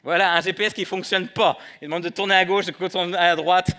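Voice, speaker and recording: A man preaching a sermon in church, moving between soft prayer and light humor. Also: sits high, steady tone, a little fast. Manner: prays softly then preaches with humor. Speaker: pastor.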